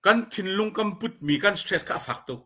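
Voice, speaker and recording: A man giving an informal educational talk on a community livestream, deliberate and dropping English terms into his speech. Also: bright, forceful tone. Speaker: speaker at a community support livestream.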